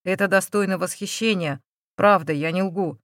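A woman reading a calm, caring man in his thirties in an audiobook, lowering her voice and speaking gently and reassuringly. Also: normal speed, no room sound, clean studio sound, close to an everyday voice. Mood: gentle. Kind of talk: audiobook character voice.

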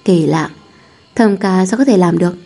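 A woman voicing a tired male assistant who grumbles in exasperation, a touch lower than her usual voice. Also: normal speed, gravelly, warm tone, breathy edge. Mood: grumbling.

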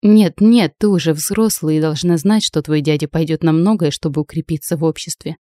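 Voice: mid-range voice, steady tone, dark tone, dry recording, natural voice. A reader voicing a noblewoman mother who talks in an agitated, indignant way, in a dry close recording. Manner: agitated, quick to outrage.

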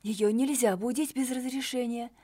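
A woman's voice: on the high side, steady tone, normal speed, mellow, voice pushed up, lightly acted. A woman voicing a frightened makeup artist in an audiobook, speaking fearfully. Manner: fearful, breathy.

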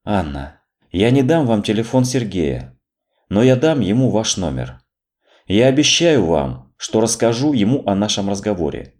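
A man's voice: lowish voice, sing-song, darkish tone. A man reading aloud voicing a composed adoptive mother who questions coolly and speaks firmly. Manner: cool, probing, measured. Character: composed older adoptive mother, firm and wary.

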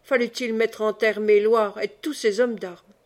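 A woman's voice: medium pitch, steady tone, measured pace, a little mellow, natural voice. A woman reading the part of an impetuous, defiant young man.

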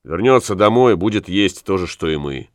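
Man reading doing a gruff blunt peasant dad, low voice, dry close audio. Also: expressive, normal speed, no room sound. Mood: stern. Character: stern hardworking peasant father, blunt.

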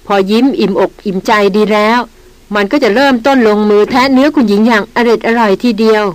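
A woman reading the part of a patient, gently teasing veteran male hunter in an audiobook. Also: fairly high pitch, quick pace, dry recording, natural voice, low-quality recording. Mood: amused. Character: seasoned male jungle hunter, calm and amused.

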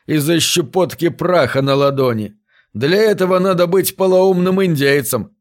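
A man's voice: a little high, normal speed, pitched above the performer's own voice, close to an everyday voice. A man doing a brash mocking space adventurer. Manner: loud, mocking, laughing.

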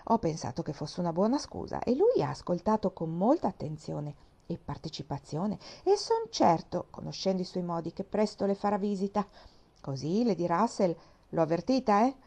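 Woman reading as a jovial young gentleman. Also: fairly low pitch, very animated, moderate pace, slightly rough, heavily acted. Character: good-humored young country gentleman.

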